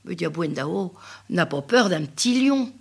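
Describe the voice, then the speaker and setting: Woman telling an old folk tale, husky, sing-song repeats, drops to whispers a lot. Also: lowish voice, lively intonation, a little slow. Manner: rhythmic, repetitive telling with hushed whispers. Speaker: storyteller. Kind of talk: oral folk tale storytelling.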